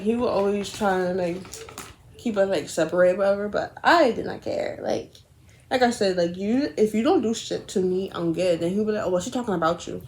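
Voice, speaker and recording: A woman's voice: medium pitch, a little mellow, slight background noise. A young woman vlogger chatting casually as she does her makeup, telling a long story full of fillers, quoted back-and-forth and blunt swearing. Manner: rambling, frequent fillers and quoted dialogue.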